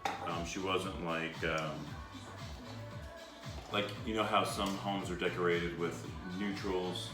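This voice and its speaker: A man's voice: sits low, steady tone, takes it slowly, long pauses. A man in his fifties from New York, chatting casually at a home dining table and laughing often. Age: 50s. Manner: chatty, laughs often, self-described emotional. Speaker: cooking channel host. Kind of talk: casual chat. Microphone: far camera. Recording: echoey room with music behind.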